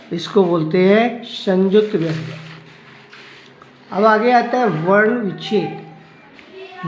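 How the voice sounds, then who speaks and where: Male teacher, high voice, unhurried step-by-step explainer, roomy lo-fi recording with faint music. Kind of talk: explaining a Sanskrit lesson.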